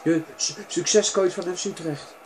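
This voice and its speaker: A young man giving loud, playful commentary over a football video game match. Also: sits high, steady tone, moderate pace, a little hiss or hum. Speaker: gaming video creator. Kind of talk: excited gameplay commentary.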